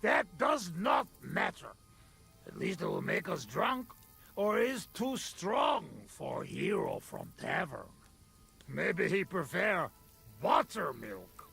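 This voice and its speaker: A gravelly, boisterous drinking companion in a video game, his broken English swooping wildly up and down in a slow, unhurried delivery. Faint music plays underneath him. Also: high voice, big pitch swings, pushed and bright, full character voice. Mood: teasing. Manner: boisterous, teasing. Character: rough, boisterous man with a thick foreign accent, drinking companion. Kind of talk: game voice acting.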